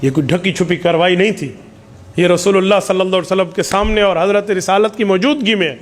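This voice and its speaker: A man's voice: sits high, in a large hall. A man preacher telling a story dramatically in an Islamic sermon.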